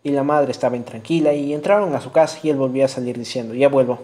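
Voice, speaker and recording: Dark-voiced Peruvian audiobook narrator. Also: male voice, mid-range voice. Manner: measured, storytelling. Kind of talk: scripted narration of a novel.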